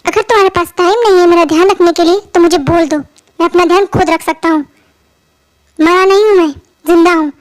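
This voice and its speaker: A stern, wounded father who scolds coldly and harshly, voiced by a woman. The voice sits very high. It is a fan-made audio drama dub. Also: steady tone, brisk. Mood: angry.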